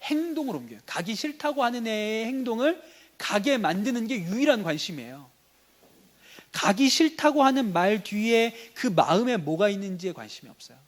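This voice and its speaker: A pastor preaches a sermon at a teachers' revival meeting, talking conversationally, acting out everyday dialogue, and posing rhetorical questions to the congregation. His high-pitched voice is very animated at a moderate pace.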